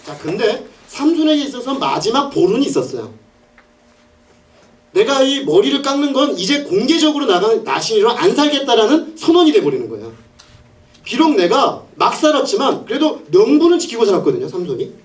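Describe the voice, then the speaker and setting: Lively male pastor, mic at a distance. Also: very high-pitched, fairly quick. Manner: animated storytelling, laughs often, acts out scenes. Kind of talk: sermon.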